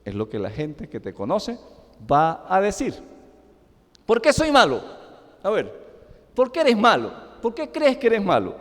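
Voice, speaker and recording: A man's voice: high voice, wildly swooping pitch, normal speed. A middle-aged man with a Venezuelan accent preaching a sermon in a church, emphatic and full of rhetorical questions. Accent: Venezuelan Spanish. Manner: emphatic, rising and falling sharply, with rhetorical questions. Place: church sanctuary. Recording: echoing church hall.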